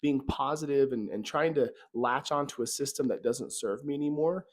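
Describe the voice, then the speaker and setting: A male therapist hosts a self-help talk and tells a parable. He speaks in an earnest, conversational way and stumbles over a word now and then. His voice sits at an ordinary middle pitch. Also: moderate pace. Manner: conversational, earnest, occasional stammers. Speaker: therapist and video host.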